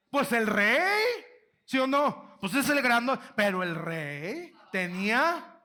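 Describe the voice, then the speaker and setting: High-voiced, bright Mexican speaker. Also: male voice. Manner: animated, slangy, joking retelling. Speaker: keynote speaker. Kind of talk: motivational keynote storytelling.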